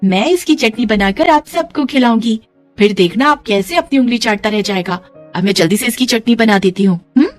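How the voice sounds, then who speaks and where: Naive young bride, voiced by a woman, high cheerful voice, cartoon. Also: animated, fairly quick, soft background music, lightly acted. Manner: cheerful, naive, broken grammar. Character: foreign young bride speaking broken Hindi.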